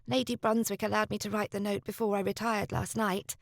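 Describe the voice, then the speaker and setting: A woman voicing a timid, loyal young woman who speaks softly and low through a door. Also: little pitch movement, fairly quick, creaky, dry recording, clean studio sound, lightly acted. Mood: gentle. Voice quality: soft and hushed.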